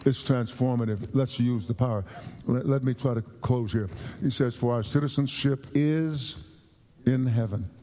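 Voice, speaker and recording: A man's voice: medium pitch, warm tone, slight background noise. American guy preaching, earnest, keeps repeating himself, long echo like a big church. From United States. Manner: earnest, repeats and restarts phrases, slows down for emphasis. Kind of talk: sermon. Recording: long hall reverb.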